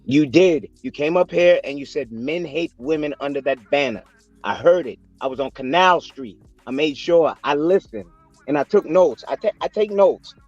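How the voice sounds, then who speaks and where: A man's voice: on the high side, lively intonation, normal speed, no room sound, faint music behind. Scolding man, dry and slightly dull sound. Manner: confrontational, scolding, rhetorical. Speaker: panelist. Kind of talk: heated panel debate.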